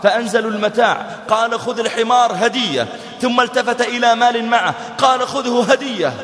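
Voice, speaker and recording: A man's voice: very high voice, brisk, a bit bright. A man preaching a sermon, telling stories and acting out the dialogue dramatically with big swings in his voice. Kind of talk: sermon storytelling. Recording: echoey hall.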